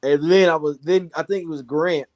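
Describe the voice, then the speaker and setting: Hoarse excitable man, sports podcast. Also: fairly high pitch, no room sound. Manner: animated storytelling, fast and excitable. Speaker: podcast co-host.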